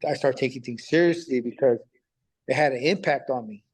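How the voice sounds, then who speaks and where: A man recounting his own story as a podcast guest, in loose, casual street talk. He acts out old conversations line by line and often repeats himself for weight. His pitch sits in an ordinary middle range. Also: a little fast, darkish tone, slightly rough. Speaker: podcast guest recently released on parole. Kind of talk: telling a personal story in conversation.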